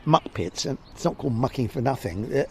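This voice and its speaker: Hesitant, gravelly southern English man. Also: mid-range voice, a little fast. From Essex, England. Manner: hesitant, discursive, stop-start. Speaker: walking guide and festival guest. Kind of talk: unscripted interview answers. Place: outdoors near a creek by the estuary. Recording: steady background noise, outdoors.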